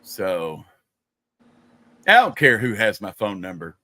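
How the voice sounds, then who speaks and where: A man's voice: on the low side, big pitch swings, slow, pushed and bright. An older man, a grandfather, chatting casually and telling stories on a livestream. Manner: chatty storyteller. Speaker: livestream panelist. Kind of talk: casual chat.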